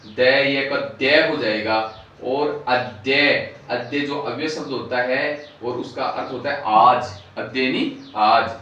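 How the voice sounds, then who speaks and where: A man teaching a class, sounding out syllables slowly one by one and explaining the words they build. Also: medium pitch, sharp tone, dull audio. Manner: slow, drawn-out syllable-by-syllable pronunciation. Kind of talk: classroom lesson. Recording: echoey room, voice far from mic.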